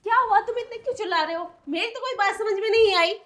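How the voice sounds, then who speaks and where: A woman's voice: very high voice, fast talker, fairly bright tone. A woman as a bewildered lady of the house. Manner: pleading, disbelieving questions. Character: wife and lady of the house, disbelieving.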